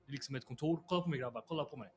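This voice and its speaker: A man's voice: medium pitch, darkish tone, husky. A young man, a podcast host telling a long story in a rambling, slangy way full of fillers.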